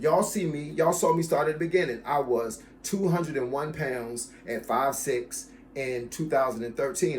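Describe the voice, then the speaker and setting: A man's voice: medium pitch, slight background noise. A man in his fifties, a fitness coach, talking casually to camera and addressing viewers directly. He is emphatic and drives his points home by repeating key phrases. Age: 50s. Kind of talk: casual talk to camera about his channel.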